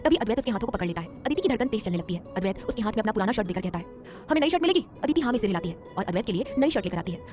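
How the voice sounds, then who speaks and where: A woman narrating a scripted audio drama, reading the story in a rapid, even way. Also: mid-range voice. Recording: narration over background music.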